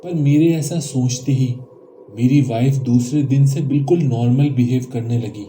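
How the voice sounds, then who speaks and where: A man reading a first-person horror story aloud in a calm, measured storytelling manner. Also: medium pitch, a little hiss or hum.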